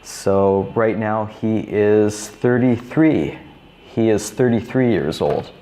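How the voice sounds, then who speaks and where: Guy in his 30s teaching beginner english, super slow, says everything twice, lowish voice. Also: warm tone, a little hiss or hum. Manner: repeats each phrase simply and clearly.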